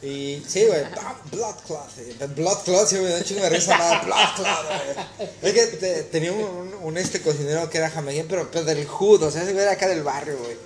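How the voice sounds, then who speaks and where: A man's voice: fairly high pitch, fast. A Mexican man who is a cook co-hosting a casual podcast, telling slangy anecdotes and imitating the people he quotes. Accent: Mexican Spanish. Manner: anecdotal, slangy, mimics other voices. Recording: echoey room with music underneath.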